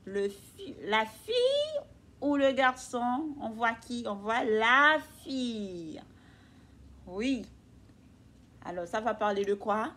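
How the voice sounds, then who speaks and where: A woman's voice: fairly high pitch, big pitch swings, slow pace, long pauses, a bit bright. A woman teacher reading a picture book aloud to young children, patiently asking them questions. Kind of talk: children's read-aloud lesson.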